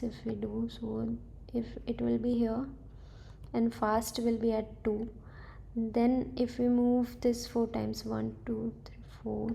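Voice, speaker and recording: Fairly high-pitched and warm, with vocal fry and a little hiss or hum in the background, a coding tutor talks herself through a coding problem. She's tentative and hesitant, fixing her own mistakes as she goes.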